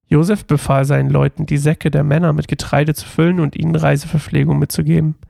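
A man's voice: on the high side, level tone, fast, creaky, mellow, no room sound, clean studio sound. A man reading scripture aloud and then musing about it casually, with many hesitations. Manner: chatty, hesitant with fillers when commenting. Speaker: bible reader and commentator. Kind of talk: bible reading with casual commentary.

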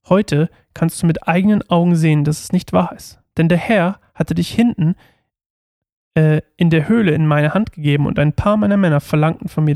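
A man's voice: on the high side, creaky, a little mellow, no room sound, studio quality. A man at home reading a Bible passage aloud, then retelling it casually with many fillers. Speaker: Bible reader and commentator.

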